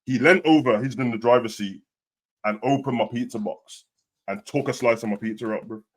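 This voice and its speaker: A young man from Birmingham, England, with a British urban street accent, tells stories in roadman slang, animatedly acting out what people said. His medium-pitched voice is fairly quick, with a little hiss or hum.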